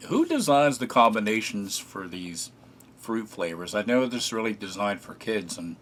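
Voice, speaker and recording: A man casually narrating a food taste test, relaxed and chatty, often pausing with fillers as he eats. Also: on the low side. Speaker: food reviewer.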